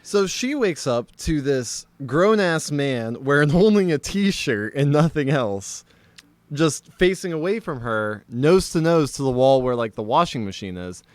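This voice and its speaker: A man co-hosting a podcast, telling a story in casual chat with animated, laughing delivery. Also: a little high, measured pace, no echo. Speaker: podcast co-host.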